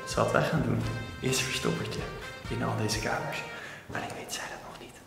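A man's voice: medium pitch, moderate pace, creaky, over music. A man in his twenties whispering secretively to the camera as a vlogger. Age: 20s. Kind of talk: vlog aside to camera.

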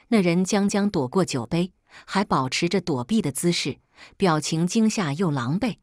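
A woman reads a first-person story aloud in a calm, measured way. Her voice sits a little low and has a breathy, husky grain. The sound is close and dry, with no room around it. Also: no room sound.

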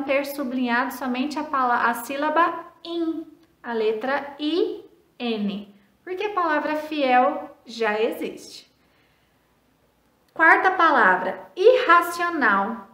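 Brazilian woman teacher, high bright voice, slow and patient, echoey room. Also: expressive. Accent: Brazilian Portuguese. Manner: slow, patient, spells out letters and syllables; asks questions and answers them herself. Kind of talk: recorded class lesson for children.

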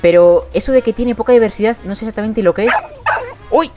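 A young man with a Spain Spanish accent, doing excitable game commentary and shouting at animals in the game. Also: high-pitched, fast, music in the background. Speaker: gaming youtuber.

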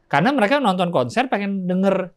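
A man with a somewhat high voice keeps asking questions in a casual podcast chat. He talks very fast and stays curious, pushing for more details. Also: lively intonation.

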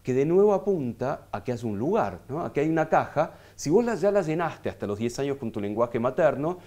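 A man with a Rioplatense Spanish accent hosting an interview, asking questions and reacting with quick agreement. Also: medium pitch, big pitch swings, warm tone. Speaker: interview host. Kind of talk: interview conversation.

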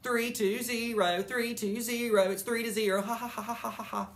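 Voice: medium pitch, fairly even intonation, normal speed, fairly bright tone, a little hiss or hum, voice pushed up, natural voice. A reader voicing a boastful, bossy little girl in a children's book read aloud, taunting in a sing-song way. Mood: gloating.

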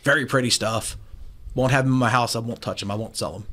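A man in his forties, an appliance store owner, talking briskly and confidently as a guest on a radio show over a video call. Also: mid-range voice, bright, forceful tone. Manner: brisk, confident business talk. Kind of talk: casual radio talk interview. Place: small room, indoors, remote video call. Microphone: studio mic with headphones.

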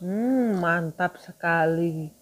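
Woman, unhurried, lowish voice, chatty and teasing, faint noise. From Suriname. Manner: chatty, teasing, scolds someone to eat up. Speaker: home cooking vlogger. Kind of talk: casual home vlog chat.

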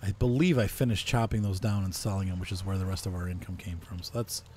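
A man's voice: deep voice, fairly even intonation, fast, a little mellow, slight background noise. A man casually talking through a farming simulator playthrough, thinking aloud with frequent fillers. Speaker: gaming video host. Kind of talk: casual farming-sim commentary.

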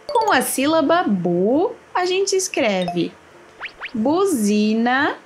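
Female teacher for a kids' lesson: unhurried, carefully sounded-out words, bouncy pitch, light music underneath. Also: sing-song. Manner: slow, clearly spelled-out words with long pauses. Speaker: children's teacher. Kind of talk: slow syllable lesson for children. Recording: faint music behind. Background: soft background music.

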